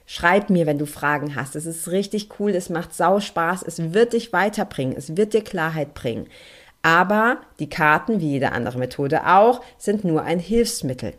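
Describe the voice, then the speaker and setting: A woman's voice: on the low side, expressive, moderate pace. Earnest woman coaching on a spiritual podcast. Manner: earnest, emphatic, coaching listeners directly. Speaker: podcast host and card-reading coach. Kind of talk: solo spiritual podcast monologue.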